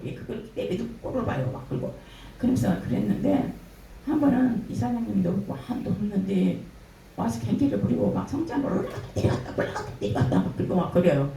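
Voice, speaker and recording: An older woman shares her church testimony in an animated, storytelling way, playing out the voices in her tale. Her voice is dark and gravelly. It is recorded from across a roomy, echoing space with a faint hiss behind her. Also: mid-range voice. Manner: animated storytelling, acting out quoted dialogue. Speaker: church member giving testimony. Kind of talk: spoken religious testimony. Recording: echoey room from a distance, faint noise.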